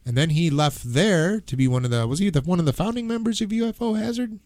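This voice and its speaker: A man's voice: high voice, expressive, fast, darkish tone, dry recording. A male radio co-host with a slightly raised voice, talking eagerly and rambling through stories. He sits close to a studio microphone in a dry, dead-sounding room. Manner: enthusiastic, rambling, hesitant fillers. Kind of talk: casual radio chat.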